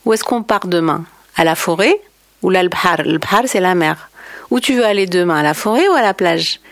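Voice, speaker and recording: An Algerian woman answers conversational interview questions in unaccented French, explaining thoughtfully with frequent hesitations and a reflective manner. Her pitch is fairly low, her intonation lively, and her pace normal. The sound is dry and close, with no room sound.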